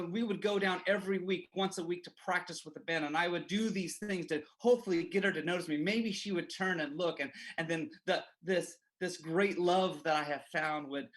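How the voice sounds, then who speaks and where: A man giving a devotional as an animated story, full of self-mocking humor, on a livestream. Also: a little high. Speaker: devotional speaker.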